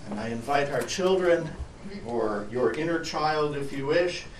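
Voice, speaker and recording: A pastor reads a picture book to the children in a worship service, his voice moving freely up and down at an unhurried pace. He speaks gently. The sound comes from a far mic in an echoey church, with faint ambience behind him. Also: a little high, lively intonation, slight background noise. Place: church sanctuary.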